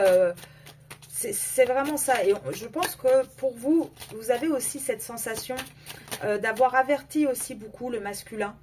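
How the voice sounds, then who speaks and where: A woman giving a casual tarot and oracle card reading to her viewers, talking in a halting way with many fillers and self-corrections. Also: fairly high pitch, darkish tone, slight background noise.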